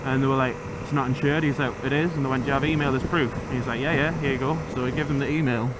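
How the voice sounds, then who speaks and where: A man's voice: mid-range voice, fairly even intonation, very fast. A man talking inside a motorbike helmet, chatting casually and rambling along like a vlogger as he rides. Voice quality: muffled, enclosed sound of speaking inside a helmet. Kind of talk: casual chat while riding. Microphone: microphone inside a helmet. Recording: loud wind, engine and road noise.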